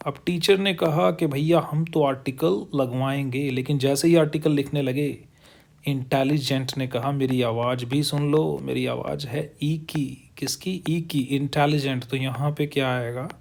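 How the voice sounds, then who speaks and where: A man runs an English grammar lesson in Hindi, joking with his students and calling them pet names. He stretches out example words slowly for pronunciation practice, and his English carries a Hindi accent. His voice sits at an ordinary middle pitch for a man. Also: fairly even intonation, creaky, darkish tone. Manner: playful, teasing, calls students "buzurgon" and "bhaiya ji".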